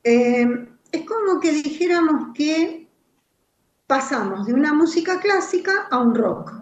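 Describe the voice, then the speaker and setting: A woman co-hosting a talk, who speaks in an unhurried, reflective way. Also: high voice, expressive, echoey room, low-quality recording. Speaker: co-host. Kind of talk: conversational talk.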